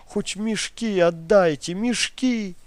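A man voicing an old village grandmother who laments and wails about wartime hunger in her sleep, and murmurs softly and guiltily when awake. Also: high-pitched, slow, dry recording, voice pushed up. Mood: mumbling. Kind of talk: audiobook reading.

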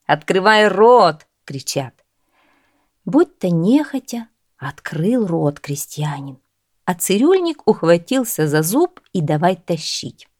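A woman narrating a folk tale in a measured, expressive storybook reading. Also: on the low side, no room sound, studio quality.

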